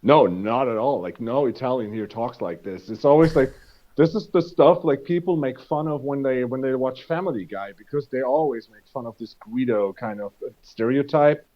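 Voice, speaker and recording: A man's voice: mid-range voice, normal speed. A man, an English speaker, co-hosting a podcast in casual chat, rambling with lots of restarts and fillers. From Germany. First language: German. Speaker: podcast co-host. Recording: dull lo-fi recording.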